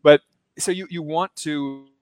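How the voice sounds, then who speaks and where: A Baltimore, Maryland man hosts a casual finance chat remotely from Brazil, laughing often as he explains ideas with a loose lecturing rhythm. His voice is a little high and darkish, with fairly even intonation and an unhurried pace. The recording has no room sound.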